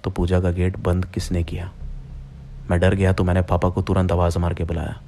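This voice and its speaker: A man's voice: low-pitched, monotone, fairly quick, warm tone, a little hiss or hum. A young man narrating a true-style horror story in the first person, speaking directly to his listeners as friends in a plain retelling voice.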